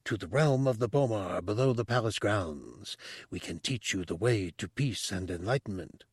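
A man's voice: medium pitch, expressive, a little slow, dark tone, no echo, studio quality, pitched above the performer's own voice, natural voice. A man voicing a telepathic spider monk. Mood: urgent whisper. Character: calm telepathic spider-bodied male monk, persuasive.

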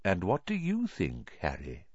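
Dumbledore, a man doing a calm old wizard. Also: sits low, breathy edge, no echo, lo-fi sound, exaggerated voice. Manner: calm, measured, gentle. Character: old male wizard headmaster, calm, kindly.

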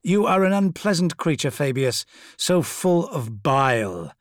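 A man's voice: a little high, big pitch swings, unhurried, no echo, studio quality, pitched above the performer's own voice. A man voicing a vain, volatile male serpent-bodied demigod who snaps and sneers. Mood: contemptuous. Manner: imperious, petulant, snapping.

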